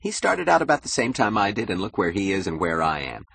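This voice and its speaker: A man's voice: lowish voice, sing-song, fast, creaky, fairly bright tone, breathy edge, full character voice. A man voicing an insecure, status-hungry young husband who talks eagerly and boastfully in an audiobook. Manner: eager, boastful, nervously defensive. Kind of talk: audiobook character voice.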